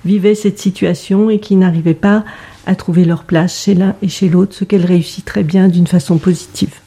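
A woman presenting a children's book, explaining it calmly with a few fillers. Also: lowish voice, normal speed, husky. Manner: calm, explanatory, some fillers.

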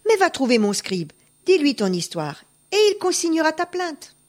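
A busy lord waves off a petitioner in a brisk, raised voice. A woman narrator plays him. He sounds hurried and unconcerned. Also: high-pitched, very animated, over loud music, voice pushed up. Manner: brisk, dismissive. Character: busy high-ranking male lord, brisk and dismissive.

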